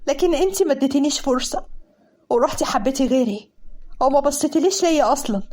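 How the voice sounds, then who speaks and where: A woman's voice: high voice, fast, darkish tone, lightly acted. A woman with an Egyptian accent voicing a young man in love, angry and reproachful as he speaks. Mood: bitter. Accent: Egyptian Arabic.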